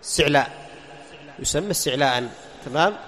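A man teaching Quran recitation rules, asking his class questions, answering them himself and slowly chanting verses as examples. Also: on the high side, lively intonation, fairly bright tone. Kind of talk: tajweed lesson explaining letter articulation. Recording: long hall reverb, faint background noise.

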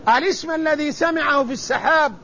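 A male preacher delivering a religious sermon in a slow, measured way, with solemn repetition. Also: very high voice, bright, forceful tone. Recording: dull lo-fi recording with faint noise.

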